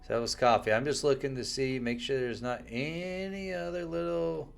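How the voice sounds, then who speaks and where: A man casually commenting on a horror game while he plays, relaxed and musing. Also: mid-range voice, normal speed, vocal fry, slight background noise. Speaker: gameplay commentator. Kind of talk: casual let's play commentary.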